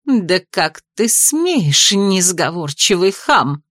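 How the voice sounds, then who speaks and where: A woman's voice: lowish voice, expressive, measured pace, no echo, clean studio sound. Woman as an imperious noble matriarch, scornful and commanding. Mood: indignant. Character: haughty aristocratic mother-in-law, imperious and scornful.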